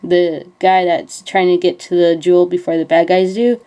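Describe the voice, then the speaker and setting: Warm and on the low side, this young woman's voice stays fairly flat at a moderate pace. Her talk is loose, meandering chatter about movie scenes, heavy with the filler "like."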